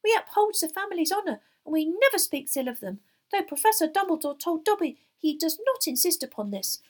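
A woman voices a small, devoted male house elf for a storybook, squeaky, nervous and deferential, excitable and speaking in broken grammar. She talks a little fast in an earnest, confidential mood.

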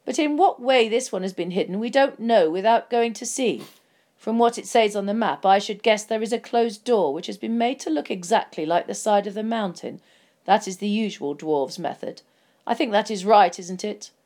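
A woman voicing a stern, commanding old male wizard in a storybook reading, speaking forcefully and with emphasis. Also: mid-range voice, moderate pace, natural voice.

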